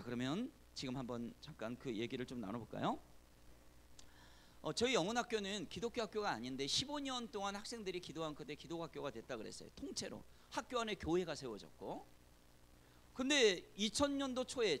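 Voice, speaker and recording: Animated high-voiced male preacher. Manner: animated storytelling, acting out dialogue. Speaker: pastor. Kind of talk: sermon to young people. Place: indoor concert hall.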